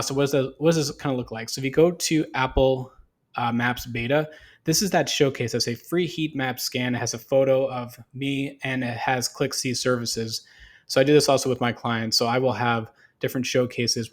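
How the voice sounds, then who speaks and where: A marketing consultant gives a casual, unscripted screen-share tutorial, walking through examples in a conversational, explanatory manner. He has a mid-range voice.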